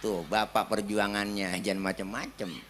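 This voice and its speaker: A man preaching a comic, storytelling sermon to an outdoor crowd on a handheld mic, swinging from loud calls to hushed asides. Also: lowish voice, flat delivery, normal speed. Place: outdoor field gathering.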